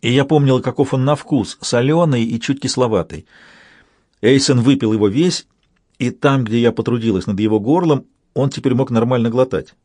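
Мужчина-чтец аудиокниги, ровная речь. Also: male voice, medium pitch, normal speed, a little mellow, dry recording, clean studio sound. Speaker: audiobook narrator. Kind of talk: audiobook reading.

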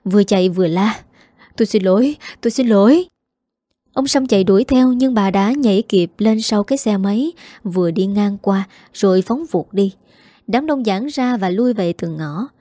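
A woman narrating a dramatic story with a steady, scripted reading. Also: medium pitch, normal speed, no room sound, clean studio sound.

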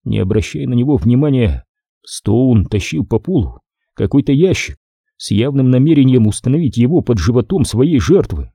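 A man narrating a crime audiobook in measured, expressive storytelling. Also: medium pitch, vocal fry, breathy edge, no room sound, studio quality. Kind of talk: scripted narration.

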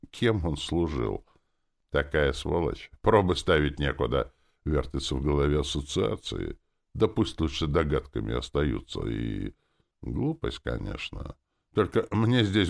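A man reading a first-person story aloud as an audiobook narrator, wry and expressive. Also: extremely low pitch, creaky.

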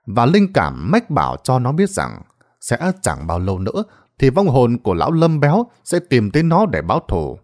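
A man's voice: medium pitch, huge pitch swings, moderate pace, a little mellow. Dramatic male ghost story narrator.

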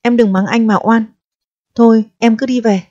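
A woman's voice: fairly high pitch, fairly even intonation, moderate pace, a little mellow, no room sound, natural voice. A woman reading the lines of an evasive, self-serving young lover who coaxes and schemes in a storybook reading. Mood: coaxing. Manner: coaxing, then coldly calculating. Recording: dull, dry audio.

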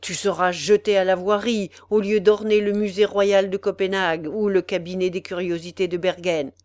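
A greedy male executioner haggles with haughty relish, his voice leaping high and loud, as a woman reader puts him on. The sound is dry and close. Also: flat delivery, normal speed, no echo, close to an everyday voice. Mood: haggling.

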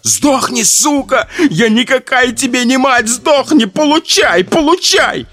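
A woman's voice: high-pitched, expressive, measured pace, a bit bright, soft background music, voice pushed up. A man voicing a screaming, frenzied murderous wife. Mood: screaming rage. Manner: hoarse screaming, strained vocal cords. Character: frenzied murderous wife, adult woman, full of hatred.

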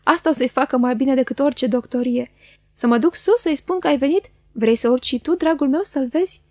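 A woman's voice: high-pitched, mellow, no room sound, clean studio sound. A woman voicing a devoted, tearful old housekeeper who speaks affectionately. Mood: tender.

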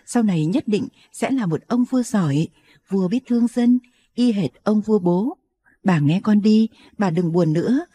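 A woman's voice: mid-range voice, mellow, breathy edge. A woman reading an audiobook, voicing an earnest young male servant who pleads with and reassures his grandmother.

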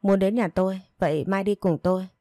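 A woman doing a calm, reserved man. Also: medium pitch, a little fast, no echo, studio quality, soft background music, lightly acted.

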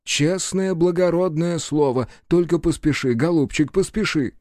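A man's voice: on the high side, measured pace, darkish tone, no echo, clean studio sound, pitched above the performer's own voice, close to an everyday voice. A man doing a fussy, ceremonious town official. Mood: fussy, pleading. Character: fussy, polite middle-aged male town official.

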